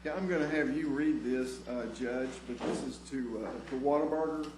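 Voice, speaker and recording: A man, a county commissioner, making informal, halting remarks at a public meeting. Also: medium pitch, darkish tone. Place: indoor government meeting chamber. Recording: echoey room with clear background noise.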